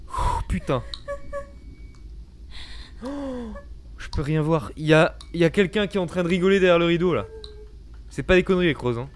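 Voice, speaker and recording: Young man, panicky horror gamer; high voice, big swings in pitch, jumpy and foul-mouthed, close mic. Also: expressive, normal speed, pauses often, slight background noise. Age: young adult. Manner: panicky, jumpy, swearing, bursts into yelps. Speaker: gamer commentating a horror game. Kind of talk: excited gameplay commentary. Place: small home gaming room, indoors. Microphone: close desk microphone, headset on.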